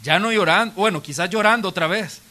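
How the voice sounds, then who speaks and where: A man's voice: high-pitched, fairly quick, bright, forceful tone. A man preaching a Sunday sermon, retelling stories with playful asides and acted quotes. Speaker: pastor. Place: church auditorium.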